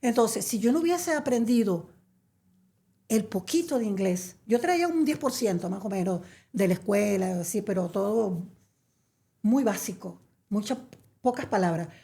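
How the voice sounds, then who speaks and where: A woman from Venezuela, telling her story in an interview; she hesitates with many fillers and restarts, then turns lively and emphatic. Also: mid-range voice, normal speed, vocal fry. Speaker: interview guest. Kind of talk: conversational storytelling.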